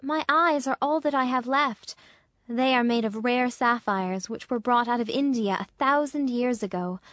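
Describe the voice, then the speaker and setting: A woman playing a noble, sorrowful statue prince in a storybook, speaking gently, pleadingly and in measured phrases. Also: on the high side, dry recording, studio quality, natural voice. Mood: sorrowful, earnest. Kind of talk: acted storybook dialogue.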